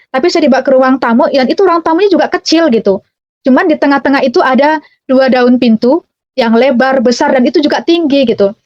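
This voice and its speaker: A woman's voice: high voice, darkish tone, no room sound. A woman telling her personal faith testimony in a chatty way, tagging phrases with a casual filler and calling her listeners dear brothers and sisters. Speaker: testimony speaker. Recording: dull, muffled dry recording.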